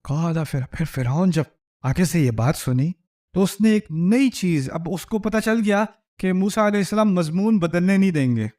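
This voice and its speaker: Brief: high-pitched male lecturer, witty storyteller, conversational sermon with rhetorical questions. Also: lively intonation, darkish tone. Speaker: Islamic lecturer. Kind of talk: humorous religious lecture.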